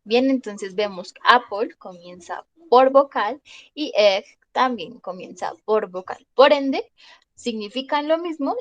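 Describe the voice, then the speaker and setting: Slow, patient woman teacher. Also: a little high, no echo, poor audio. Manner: slow, repeats "¿listo?" to check understanding. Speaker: English teacher. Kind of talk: online class explanation.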